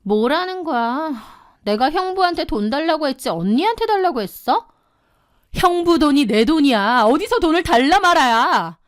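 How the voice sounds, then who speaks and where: A woman's voice: high-pitched, big pitch swings, unhurried, hardly any pauses, clean tone, dry recording, clean studio sound. A woman voicing a spoiled younger sister in her thirties, mocking and contemptuous. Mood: sneering.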